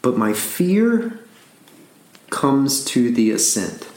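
A man's voice: medium pitch, big pitch swings, extremely slow, a little mellow, roomy sound. A man from Alabama with a Southern accent, rambling through a casual story with frequent laughs and repeated words.

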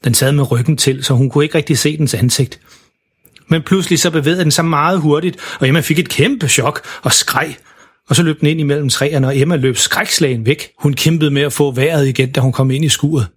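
A man's voice: fairly high pitch, breathy edge. A man narrating a children's story in simple, plain storytelling.

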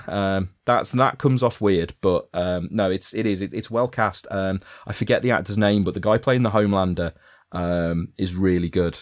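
A man from Britain chatting casually on a podcast, his voice sitting low. He rambles and restarts often, and the recording is dry and close. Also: moderate pace, no echo. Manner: rambling, full of fillers and restarts. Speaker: podcast host. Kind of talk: casual chat.

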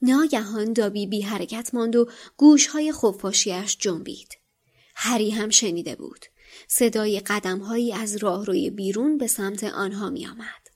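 A woman narrating a novel aloud in a clear, measured, expressive audiobook style. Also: medium pitch. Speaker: podcast guest reader.

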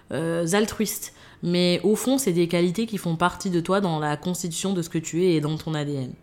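A woman with a fairly low voice gives advice in a relaxed, conversational way. She speaks straight to the listener and repeats words to drive her point home. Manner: chatty, addresses the listener directly, repeats words for emphasis. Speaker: podcast host. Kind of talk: casual advice monologue.

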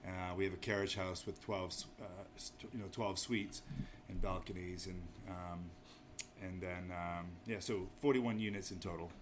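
A low-pitched American man from Maine, an inn owner appearing as an interview guest, chats casually at a normal speed with a steady tone. His manner is hesitant, modest and understated. The setting is a small pub off an inn lobby, with faint background noise in the recording.

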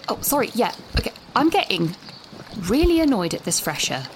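Playing a nervous young British student recording a voice message on a walk, the actress rambles, interrupts herself and sounds short of breath. Her medium pitch has a sing-song lilt at normal speed, with a natural voice and slight background noise. It's an audio drama piece.

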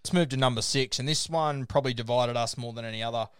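A man's voice: medium pitch, fast, smooth, dry recording, clean studio sound. A man with an Australian accent hosting a casual sports discussion and moving through a ranked list. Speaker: podcast host.

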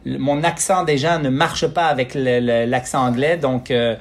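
A man's voice: medium pitch, steady tone, moderate pace. A middle-aged man with a Québécois accent, telling his story as an interview guest in a rambling, filler-heavy way. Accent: Québécois French. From Quebec, Canada. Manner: rambling, many fillers and restarts, self-deprecating. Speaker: guest, physiotherapist and clinic founder.

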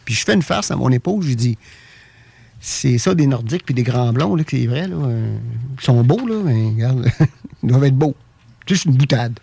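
Gravelly Québécois man telling a story. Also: mid-range voice, moderate pace, dry recording. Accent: Québécois French. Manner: animated, repeats words, many fillers. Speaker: guest telling an experience. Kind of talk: casual storytelling.

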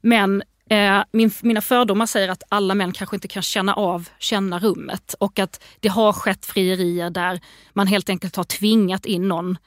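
A woman co-hosting a casual podcast chat, talking quickly and acting out quotes as she tells stories. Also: mid-range voice, no room sound, clean studio sound. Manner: quick, animated storytelling with acted quotes. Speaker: podcast co-host.

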